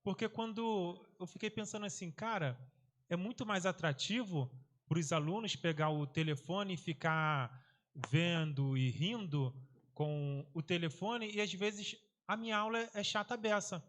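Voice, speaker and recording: A man's voice: high voice, a little slow, fairly bright tone. A man teacher speaking in an interview, thinking aloud about his teaching and quoting his pupils. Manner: talkative, reflective, quotes pupils. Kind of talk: interview, casual recollection.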